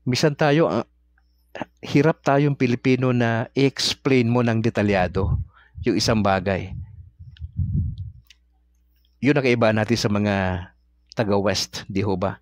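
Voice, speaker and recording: A man's voice: medium pitch, steady tone, a little slow, long pauses, no echo. A Filipino man teaching religion in a casual, conversational way, often asking his audience questions. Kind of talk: casual talk-style teaching.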